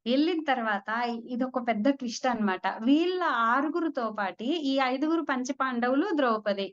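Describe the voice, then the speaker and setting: A woman teaches spiritual lessons through old stories, chatting with listeners she calls friends. Her voice sits a little high. The recording sounds dull and muffled. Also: expressive, normal speed. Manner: conversational, addresses listeners as friends. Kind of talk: storytelling spiritual talk.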